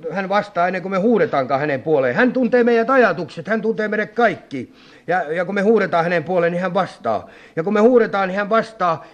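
A man preaching a fervent sermon as an evangelist, repeating phrases and swinging between loud calls and hushed asides. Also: on the high side.

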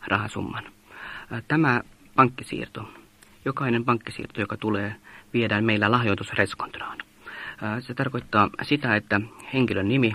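Hesitant, measured man explaining. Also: fairly low pitch, fairly bright tone. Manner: measured, with frequent hesitation sounds. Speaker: mission organization leader. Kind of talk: explaining in an interview.

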